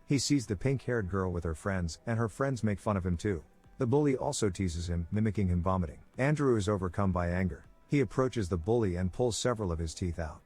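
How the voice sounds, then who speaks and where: A man giving a scripted narration, with a steady, even storytelling delivery. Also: sits low, fairly quick, faint music behind. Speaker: movie recap narrator.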